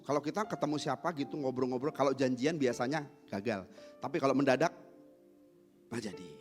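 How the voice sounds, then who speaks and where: A man preaching a sermon to a congregation, swinging from loud emphatic lines to low soft asides and acting out little family quarrels. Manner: acts out everyday family quarrels to make points. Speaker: pastor. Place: church service.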